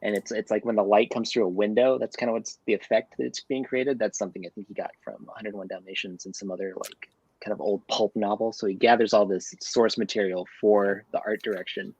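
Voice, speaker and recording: A man's voice: fairly low pitch, steady tone, fairly quick, a little mellow, breathy edge. A man co-hosting a casual comics talk show, explaining artwork at length and laughing often. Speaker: comic podcast co-host. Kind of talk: casual chat. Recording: dull, lo-fi dry sound.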